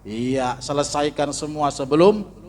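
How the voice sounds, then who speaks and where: Male pastor, sermon voice, higher pitch, lively and theatrical. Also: unhurried. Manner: animated preaching, rising to near-shouts, acting out little scenes. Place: church hall.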